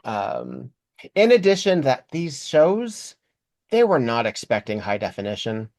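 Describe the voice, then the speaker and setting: A man's voice: mid-range voice, big pitch swings, measured pace, darkish tone, no room sound. Brief: male co-host, analytical wry recap talk, dry close-mic sound. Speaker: podcast co-host. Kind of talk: casual episode recap chat.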